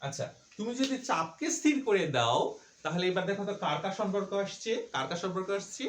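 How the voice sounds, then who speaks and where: This physics lecture comes from a man whose fairly high voice swings widely in pitch as he talks at a quick pace. He asks and answers his own questions and restates points for emphasis. The room is echoey, with a little hiss or hum.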